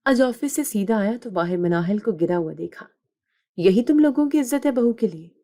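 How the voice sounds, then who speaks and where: A woman's voice: mid-range voice, expressive, dark tone, close to an everyday voice. A woman voicing a firm, indignant young husband. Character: angry young husband, protective man.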